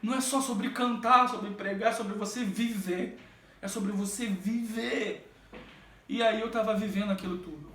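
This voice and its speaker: A man giving an emotional religious testimony as a gospel singer, fervent and halting, with many restarts and drawn-out repeats. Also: high voice, fairly even intonation, a bit bright. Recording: roomy and distant from the mic.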